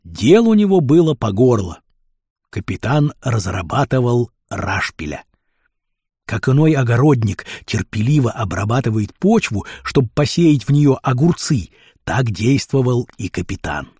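A man reading a storybook aloud as scripted narration, in a lively, expressive way. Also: mid-range voice, a little slow, slightly rough, dry recording, clean studio sound. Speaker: audiobook reader.

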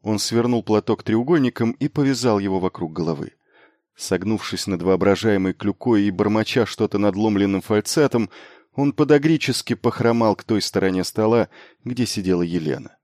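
A man narrating an audiobook in a measured, even reading. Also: fairly low pitch, no room sound, clean studio sound. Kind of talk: scripted narration.

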